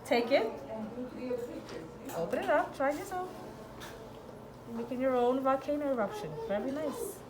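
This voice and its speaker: A woman's voice: high voice, lively intonation, normal speed, long pauses, roomy sound. A woman teaching young children through a hands-on demonstration, giving short, repeated instructions and encouraging praise. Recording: classroom with children's chatter around. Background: group of children.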